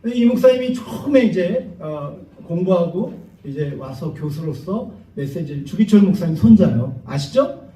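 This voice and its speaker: Male pastor, animated storytelling sermon; high, mellow voice, recorded from a distance in a roomy church. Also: normal speed, few pauses, slight background noise. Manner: animated storyteller, acts out voices, jokes with the congregation. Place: church sanctuary. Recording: echoey church hall from far off, dull.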